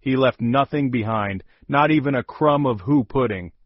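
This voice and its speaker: A man narrating a scripted storybook in an even, smooth manner, over a dull recording with faint music. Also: mid-range voice, normal speed, no echo.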